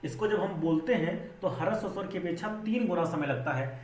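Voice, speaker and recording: Man, high voice, grammar teacher, exam-prep lesson, asks and answers his own questions, echoey room. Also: a little fast, darkish tone, slight background noise. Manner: repeats questions and answers them himself. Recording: echoey room, mic at a distance.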